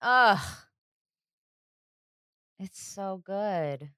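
A woman's voice: medium pitch, lively intonation, drawn-out words, bright, forceful tone, smooth, no room sound, studio quality. A young woman co-hosting a casual chat, gushing and self-mocking about a TV scene. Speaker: podcast co-host. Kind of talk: casual chat recapping a TV show.

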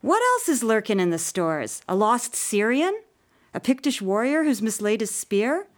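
A woman reading an audiobook, voicing a sharp-tongued, bossy young sister with a cross, sarcastic manner. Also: a little high, sing-song, moderate pace, voice pushed up.

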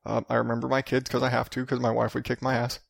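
A man's voice: mid-range voice, completely flat delivery, quick pace, creaky, no echo, studio quality. A man in his thirties rambling through a casual solo podcast monologue, profane and self-mocking. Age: 30s. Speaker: podcast host.

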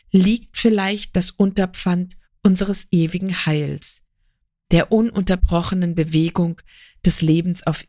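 A woman narrating a literary story as an audiobook in a calm, measured way. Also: lowish voice, dry recording, clean studio sound.

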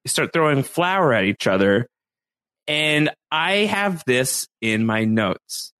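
Lively-voiced man in casual recap chat. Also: medium pitch, slow pace. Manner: animated, breaks into comic impressions. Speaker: podcast co-host.

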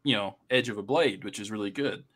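A man co-hosting a podcast in casual chat, telling animated stories and laughing as he goes. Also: on the low side, fairly quick, husky. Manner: animated storyteller, laughs mid-sentence. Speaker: podcast co-host.

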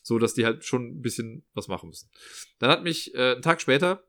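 A man's voice: mid-range voice, a little fast, a bit bright. A man telling a casual vlog story, chatty, acting out dialogue and tagging lines with "ne?". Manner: chatty storyteller, acts out dialogue, frequent "ne?" tags. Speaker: after-school care worker. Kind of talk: casual personal vlog monologue.

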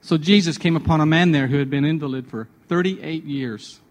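Radio guy telling a devotional story, kinda high voice, chatty, lots of echo. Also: a little fast. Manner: chatty, self-deprecating, with restarts. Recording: long hall reverb.

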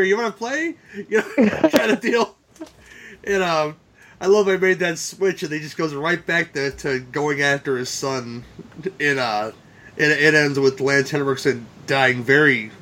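A man's voice: medium pitch, fairly bright tone, slight background noise. A man co-hosting a podcast, chatting casually about films, swearing and laughing as he recounts scenes. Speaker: podcast co-host. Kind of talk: casual film review chat.

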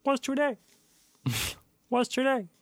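A man's voice: very high-pitched, sing-song, slow, dry recording, pitched above the performer's own voice, full character voice. A man voicing an innocent frog puppet playing a young boy, simple and cartoonish. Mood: innocent cheer.

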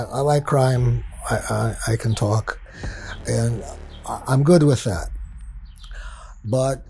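A man who investigates cold cases talks plainly and bluntly. He restarts his sentences a lot, and soft music plays faintly behind him. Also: medium pitch. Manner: blunt, repeats words and restarts. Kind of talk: candid interview.

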